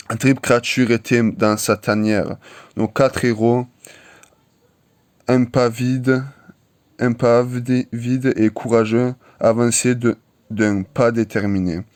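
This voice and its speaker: Halting comic reader, slow and stumbling, middle pitch. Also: male voice, level tone, a little mellow, no room sound. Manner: halting, stumbling over words with restarts. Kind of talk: reading a comic aloud.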